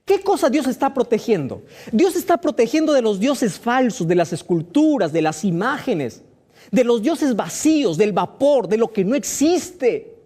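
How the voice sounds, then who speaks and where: A man's voice: extremely high pitch, big pitch swings, measured pace, dark tone. A pastor preaching a sermon, firing rhetorical questions at his listeners with emphatic delivery.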